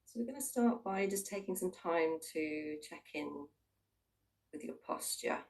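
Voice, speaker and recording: A mindfulness practitioner with a low, expressive voice leads a guided body scan meditation. She offers gentle, invitational instructions in unhurried phrases separated by long pauses, sitting some distance from the microphone.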